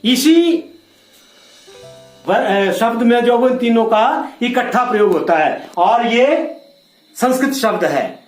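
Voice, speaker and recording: A man with a high-pitched voice explains a grammar lesson to schoolchildren, patiently repeating himself and drawing out single sounds. The room rings with echo, and faint music plays underneath. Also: unhurried. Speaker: Hindi teacher.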